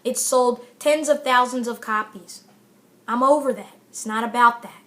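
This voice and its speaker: Middle-aged woman preaching to her audience, higher voice, hammers her point again and again. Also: normal speed. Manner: emphatic, repeats phrases for stress. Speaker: author giving a talk to camera. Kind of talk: impassioned motivational address.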